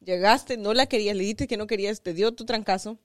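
A woman's voice: medium pitch, fast, no echo, studio quality. A woman from Mexico co-hosting a casual family podcast, asking probing questions and telling childhood stories. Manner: lively, probing questions, code-switches briefly into English. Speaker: podcast co-host.

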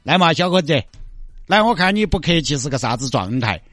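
A man's voice: a little high, sing-song, a little fast, fairly bright tone, dry recording, pitched below the performer's own voice. A man voicing a stubborn old female beggar with a Sichuan accent, taunting and brash. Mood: scornful. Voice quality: brash, taunting dialect banter.

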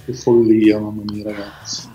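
A man's voice: lowish voice, little pitch movement, moderate pace, lo-fi sound, crowd noise. A man chatting casually as a co-commentator, emphatic and exclamatory. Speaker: co-commentator on a live show. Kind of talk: casual chat. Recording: roomy echo, faint music behind.

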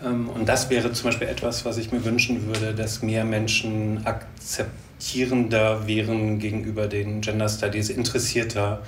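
Man, researcher guest, measured talk, distant mic, echoey room, faint noise. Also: lowish voice, monotone. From Germany. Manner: measured, many fillers. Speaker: guest, gender studies researcher. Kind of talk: interview answers.

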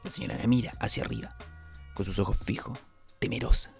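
A young Chilean-accented man, a comedian host, tells rambling stories of his stand-up shows, full of sound effects and restarts. His voice is lowish, creaky and a little fast, with fairly even intonation over soft background music.

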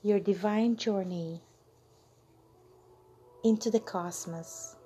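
A woman leading a channeled guided meditation, soothing and drawn out, with lines that fade into breathy whispers. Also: mid-range voice, slow pace, mellow, a little hiss or hum.

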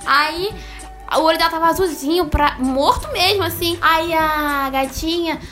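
A woman with a Brazilian Portuguese accent casually telling a story to her viewers, animated and jokey, acting out the voices of the people she quotes. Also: very high voice, normal speed, soft background music. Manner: animated, acts out quoted voices, jokes through sad moments.

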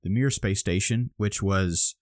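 In this dry, studio-quality recording, a man with a fairly low voice co-hosts a podcast at an unhurried pace. Slightly groggy, he walks through a topic step by step in casual conversation, restarting often.

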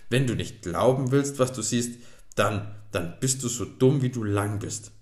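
A man voicing a cheeky little water-sprite boy, high and indignant, in an echoey room. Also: sing-song, moderate pace.

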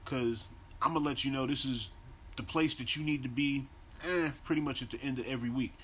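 Speaking fairly quickly in a slightly bright voice, an American man co-hosts a podcast. He swears a lot, uses slang, and mixes casual banter with animated storytelling, and by his own account his voice is deep. Faint background noise runs underneath.

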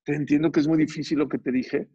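A man playing an older kabbalist father who speaks gently but firmly to his daughter, in a husky voice on a dull lo-fi recording. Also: a little high, fairly even intonation, fast. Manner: gentle but firm and blunt. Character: older kabbalist father, sorrowful yet firm.

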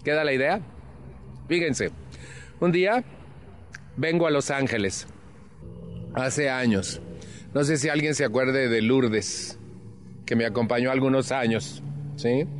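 A man in his seventies with a Mexican accent gives a personal recovery testimony to a support group, earnest and animated, with frank slang. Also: medium pitch, measured pace, pauses often, slight background noise. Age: 70s. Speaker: Al-Anon speaker.

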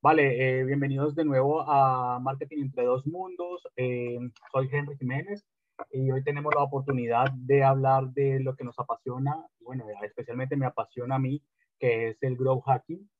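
A man's voice: mid-range voice, normal speed. Man hosting over a tinny line. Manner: relaxed, hesitant with frequent fillers. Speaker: podcast host. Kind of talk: casual interview chat. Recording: dry, tinny phone-like line.

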